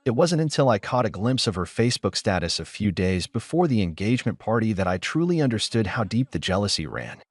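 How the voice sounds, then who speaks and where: A man's voice: on the low side, sing-song, a little fast, few pauses, no room sound. A man reading a dramatic first-person story aloud as a scripted narration.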